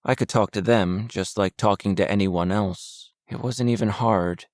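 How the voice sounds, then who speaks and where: A man's voice: fairly low pitch, fairly even intonation, normal speed, darkish tone, no echo, clean studio sound, natural voice. A man voicing an aloof wealthy woman medium. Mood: cool.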